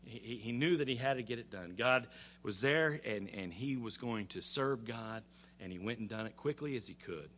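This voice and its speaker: A pastor preaching a sermon, stumbling over repeated words and climbing to fervent emphasis. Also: male voice, mid-range voice, animated, moderate pace, a bit bright, slight background noise.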